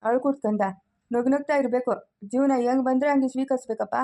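A woman acts a caring village mother in a home-made family drama, speaking. Her voice is high and quick. She soothes and gives advice. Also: fairly even intonation, warm tone. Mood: advising. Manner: soothing, advising.

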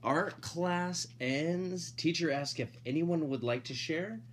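Taking his time, a father reads a picture book expressively in a slightly high voice, elongating the words he stresses. He adds playful, offhand asides for his listeners, and there's a bit of background noise.

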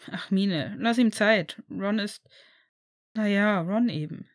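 A woman voicing a caring, steady young man, in an audiobook reading of fan fiction. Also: medium pitch, takes it slowly, no echo, clean studio sound, natural voice. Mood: reassuring. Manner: reassuring, earnest.

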